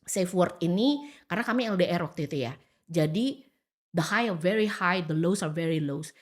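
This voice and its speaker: Animated woman giving casual podcast advice. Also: fairly low pitch, normal speed. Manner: animated, acts out quoted dialogue, mixes in English phrases. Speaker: podcast guest.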